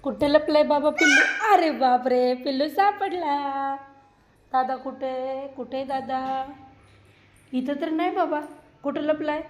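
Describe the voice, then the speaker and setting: Young mom, high bright-toned voice, playful and coaxing with little kids. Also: female voice, slow, a little hiss or hum. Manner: coaxing, playful, talks sweetly to small children. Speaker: mother playing with her children. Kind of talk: casual family chat.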